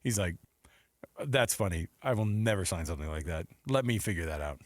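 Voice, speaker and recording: A middle-aged man hosts sports radio, his low voice moving briskly as he chats casually and spins jokey, animated stories. He's on a close studio mic, and the sound is studio quality with no echo.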